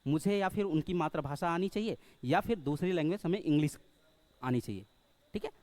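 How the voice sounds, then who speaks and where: An English teacher gives a spoken lesson in a fairly high, darkish, lively male voice, talking a little fast with no echo. He's hesitant and packed with filler sounds, calls his listeners brother, and keeps checking in with the class through rhetorical questions.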